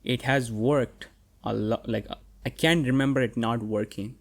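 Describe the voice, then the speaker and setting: A man's voice: medium pitch, steady tone, unhurried, vocal fry. A young man hosting his own podcast, who talks alone in a loose, rambling way, swears often and fills his speech with "like" and restarts. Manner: rambling and profane, many fillers and restarts. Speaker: podcast host. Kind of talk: casual solo podcast monologue.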